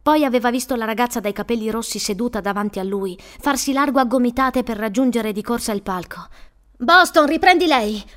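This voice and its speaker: A woman reading an audiobook in calm, measured narration. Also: on the high side. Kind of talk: scripted narration.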